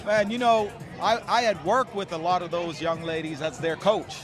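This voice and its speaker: A man's voice: high-pitched, fairly even intonation, normal speed. A man from the Bahamas, a nonprofit founder, talking earnestly as a guest in an outdoor interview. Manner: earnest, conversational. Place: outdoor tailgate. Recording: outdoor tailgate with crowd and music. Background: crowd and loud music.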